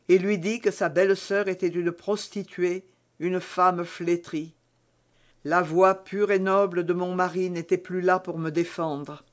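A man voicing a desperate, seductive noblewoman held captive, pleading theatrically in an audiobook reading. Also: high voice.

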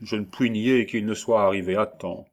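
A man's voice: on the low side, steady tone, normal speed, darkish tone, lightly acted. A man voicing a pale, anxious young noblewoman who pleads and hesitates. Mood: pleading.

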